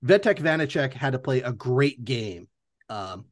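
A man's voice: medium pitch, expressive, unhurried. A man co-hosting a sports podcast with casual analysis, emphatic and repeating words for stress.

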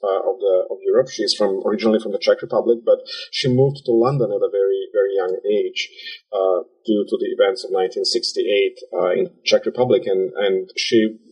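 A man from Serbia answers interview questions about architecture at a measured, hesitant pace, pausing often to fill gaps. His voice sits a little low and has a husky edge. He sounds thoughtful and searching rather than polished. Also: steady tone, darkish tone, poor audio. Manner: hesitant, many filler sounds. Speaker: architect and author, interview guest. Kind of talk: conversational interview.

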